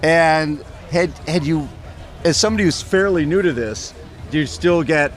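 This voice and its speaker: Middle-aged male host, a bit high-pitched, excitable, rambling, interviewing outdoors at a loud expo. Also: normal speed. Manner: enthusiastic, rambling, acts out imagined inner thoughts. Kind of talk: casual interview. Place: outdoor race expo with crowd. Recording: outdoor crowd noise behind. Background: crowd chatter.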